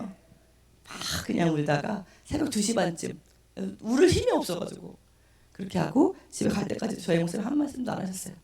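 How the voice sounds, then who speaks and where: At a church service, a woman guest speaker shares a personal testimony, acting out the voices in her story, her voice strained and unclear. It's low-ish, creaky, and a little mellow, captured by a distant mic in the echoey sanctuary.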